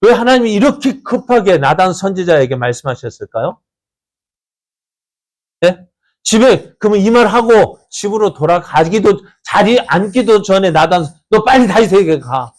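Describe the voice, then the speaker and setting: A male pastor delivers a sermon in a warm storytelling way, his voice sitting a little higher than most men's. He keeps turning to the congregation with quick rhetorical questions and answering them himself. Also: animated. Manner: storytelling, conversational preaching.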